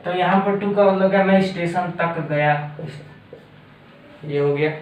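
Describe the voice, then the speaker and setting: A man with an Indian accent teaches a grammar lesson, speaking very slowly and deliberately and checking in often. His voice sits a little high for a man. The recording is echoey, with a faint hum of background noise. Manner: slow, deliberate explaining with frequent checks like "okay?". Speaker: English teacher. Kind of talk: classroom-style grammar lesson mixing Hindi and English.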